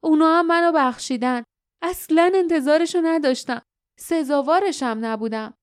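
A woman's voice: high voice, no room sound, clean studio sound, pitched above the performer's own voice, lightly acted. Woman voicing a stiff, humbled village leader. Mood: remorseful. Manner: stiff, then softly remorseful.

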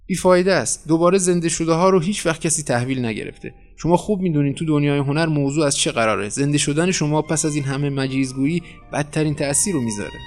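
A man voicing a calm, flattering newspaper editor who talks a painter into staying dead. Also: on the high side, hardly any pauses, soft background music, lightly acted. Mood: persuasive. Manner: cool, persuasive, flattering. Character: smooth, scheming middle-aged male newspaper editor.

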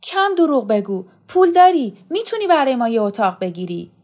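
A woman's voice: fairly high pitch, big pitch swings, voice pushed up. Woman voicing an angry defiant teenage boy. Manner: loud, shouting delivery.

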